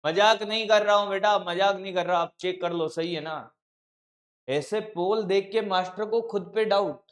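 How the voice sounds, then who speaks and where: With a high voice, a man runs a live online practice class, scolding and coaxing his students in a brisk, familiar manner.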